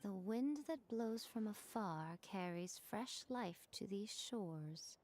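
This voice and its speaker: A woman voicing a sly, mysterious female shrine priestess in a video game, speaking in a measured, cryptic way. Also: mid-range voice, expressive, a little mellow, slight background noise.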